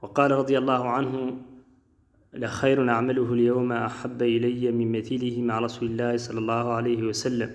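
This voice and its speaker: A man preaching in formal standard Arabic, reciting religious sayings in a measured, formal way as part of a lecture. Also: mid-range voice, darkish tone. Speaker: preacher presenting a lecture series.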